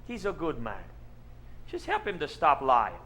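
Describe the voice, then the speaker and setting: A man's voice: fairly high pitch, wildly swooping pitch, unhurried, a bit bright, voice pushed down, heavily acted. A man voicing an exasperated, devoted wife who complains and pleads plaintively in a comic story. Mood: exasperated, pleading.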